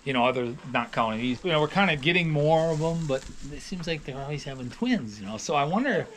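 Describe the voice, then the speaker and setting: A man's voice: fairly high pitch, expressive, fast talker, fairly bright tone, slight background noise. A middle-aged man, a dairy farmer, telling stories in a casual, rambling way, with many restarts. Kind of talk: casual storytelling. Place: on a farm, near calves.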